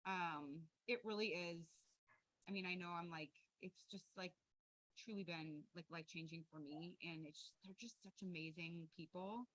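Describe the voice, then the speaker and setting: A woman's voice: fairly low pitch, moderate pace, a bit bright, no room sound, rough recording. A woman coaching a wellness group, chatting casually and upbeat over a video call, with lots of fillers. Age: adult with a young daughter.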